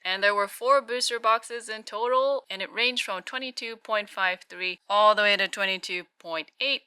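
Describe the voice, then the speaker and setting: A woman giving casual, unscripted commentary as a card-opening host, moving between quiet murmurs and louder exclamations. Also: medium pitch, clear, resonant tone, no echo.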